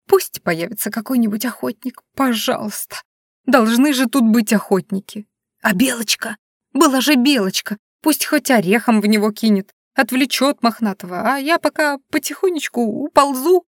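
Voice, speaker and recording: A woman's voice: normal speed, no room sound, clean studio sound. A woman doing a pleading, frightened heroine. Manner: whiny, pleading, higher pitched.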